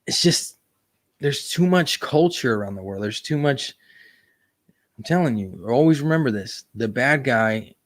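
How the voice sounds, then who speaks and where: A man hosting a casual livestream chat, rambling in a laid-back way and often tossing in "man.". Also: mid-range voice. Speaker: YouTube livestream host.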